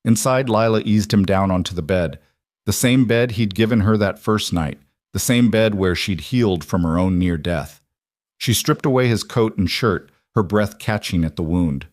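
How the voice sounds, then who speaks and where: Low-voiced man narrating a western story. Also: dry recording, studio quality. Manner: steady, measured storytelling.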